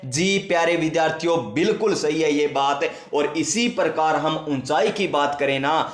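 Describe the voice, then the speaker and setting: With a Rajasthani accent and a fairly high, reverberant voice, a male teacher runs an exam-prep geography lesson. He poses his own questions, answers them, and keeps repeating the key facts.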